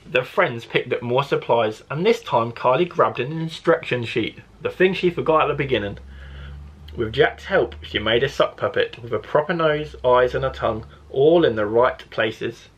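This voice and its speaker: Reading to children, this primary school teacher tells the story expressively, choosing his phrasing with care and deliberation. His voice sits in the middle range with a touch of huskiness, captured on a low-quality recording.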